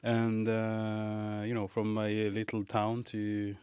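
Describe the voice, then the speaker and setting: Low, smooth-voiced man, halting speech. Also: completely flat delivery, darkish tone, no echo. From Morocco. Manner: thoughtful, halting, many fillers. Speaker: guest, pastry chef. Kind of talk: casual interview.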